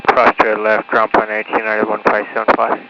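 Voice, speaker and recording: A man's voice: on the low side, completely flat delivery, fairly quick. A male airline pilot heard over aviation radio, giving clipped, slightly hesitant readbacks to the control tower. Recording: muffled radio with loud static.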